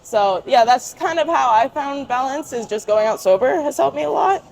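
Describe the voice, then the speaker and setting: A woman's voice: sits high, expressive, normal speed, vocal fry, a little mellow, rough recording. A young adult woman speaking as a guest in a casual interview, with informal, youthful phrasing full of fillers.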